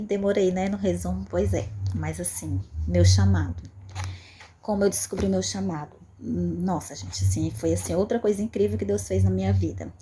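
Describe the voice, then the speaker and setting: A woman's voice: on the low side, dark tone, slight background noise. A woman giving an earnest personal faith testimony, repeating phrases for emphasis. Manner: earnest and repetitive, emphatic with frequent fillers.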